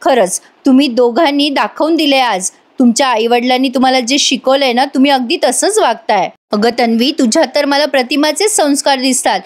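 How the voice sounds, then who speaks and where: A middle-aged mother-in-law with a stern, scolding manner, as a woman reviewer puts her on. The voice runs high and sharp. It belongs to a family serial retold aloud. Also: fairly quick, few pauses. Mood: tender.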